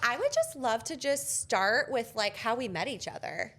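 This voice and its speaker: A woman's voice: a little high, big pitch swings, moderate pace, a bit bright. A young woman hosting a casual podcast chat, candid and chatty, swearing now and then. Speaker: podcast host. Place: podcast studio couch.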